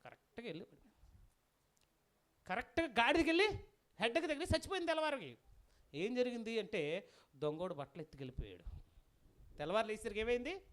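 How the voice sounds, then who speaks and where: A guest preacher delivering a sermon with a folk tale, lively and constantly asking the audience questions. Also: mid-range voice, quick pace, pauses often.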